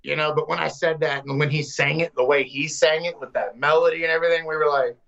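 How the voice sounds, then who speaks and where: Animated man telling songwriting stories. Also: fairly high pitch, creaky, lo-fi sound. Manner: animated, loose storyteller, slips into quick voices. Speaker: songwriter guest. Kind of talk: casual interview storytelling.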